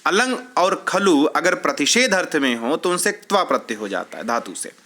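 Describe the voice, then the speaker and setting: A man's voice: a little high, sing-song, moderate pace, pushed and bright. A man teaching an exam-prep lecture, explaining line by line and asking and answering his own questions. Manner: repeats "theek hai" as a check-in. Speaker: Sanskrit teacher.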